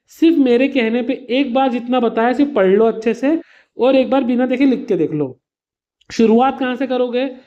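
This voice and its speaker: Here a man speaks in a very high-pitched, warm tone, with the recording's highs cut off. His exam revision lesson features patient explanations built on simple examples, and he calls the students "beta" and slips English words in as he goes.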